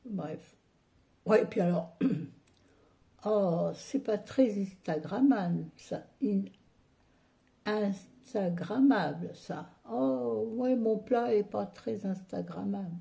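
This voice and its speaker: A woman's voice: mid-range voice, takes it slowly, gravelly, mellow. A woman vlogger chatting casually to her viewers from home, grumbling and ranting in an exasperated, colloquial way. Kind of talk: casual vlog chat to viewers.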